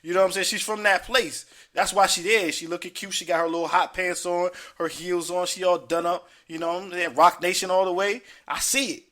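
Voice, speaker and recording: A man's voice: sits high, fairly even intonation, brisk, hardly any pauses, pushed and bright. A man, hosting a casual podcast chat, talking in profane street slang and telling stories with animation. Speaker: podcast host.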